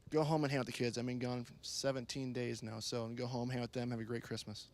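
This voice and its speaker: A man's voice: medium pitch, little pitch movement, quick pace. A man, an athlete giving a casual, plain-spoken, rambling post-match interview. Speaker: pro athlete being interviewed.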